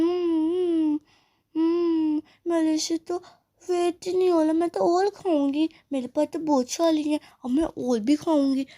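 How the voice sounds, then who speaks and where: A woman's voice: very high voice, warm tone. A woman voicing a young girl doll who loves candy, talking in a childish way with munching sounds, in a doll play story.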